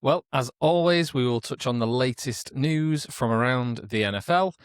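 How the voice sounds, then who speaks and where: A young man co-hosting a casual sports podcast from a kitchen, relaxed and rambling with dry humour. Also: mid-range voice, moderate pace, clear, resonant tone, no room sound. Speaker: podcast co-host.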